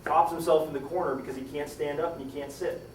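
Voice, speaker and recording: Brief: male storyteller, slightly high voice, dramatic, acts out lines, distant mic in a roomy hall. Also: steady tone, fast, a little hiss or hum. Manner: dramatic, acts out quoted lines with rising pitch and volume. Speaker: historical storyteller giving a talk. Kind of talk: live storytelling to an audience. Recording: echoey room, distant mic, faint ambience.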